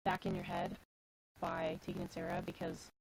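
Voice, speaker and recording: A woman's voice: very deep voice, flat delivery, normal speed, vocal fry, very noisy. A woman chatting casually to viewers on a livestream, rambling with lots of fillers, her voice warped by a glitchy robotic metallic distortion. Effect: glitchy robotic metallic distortion from a lagging stream. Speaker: livestream host. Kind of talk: casual chat answering viewers.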